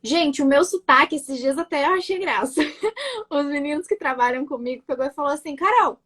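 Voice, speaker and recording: A high-pitched woman speaking with a blended southern Brazilian accent, somewhere between gaúcho and Florianópolis. She talks freely and at length in a casual interview, repeating words and tagging her points with little checks to the listener. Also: lively intonation, a little fast, fairly bright tone. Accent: mixed southern Brazilian, gaúcho and Florianópolis. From Rio Grande do Sul, Brazil. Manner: talkative, repeats words, frequent "né?" and "sabe?". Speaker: guest, nurse marketing creator.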